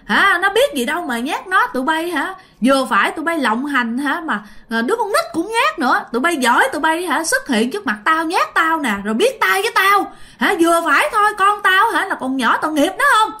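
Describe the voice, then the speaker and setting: A woman doing a fierce, shrill grandmother cursing ghosts. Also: sing-song, brisk, pushed and bright, heavily acted. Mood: furious scolding. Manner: scolding, shrill and indignant.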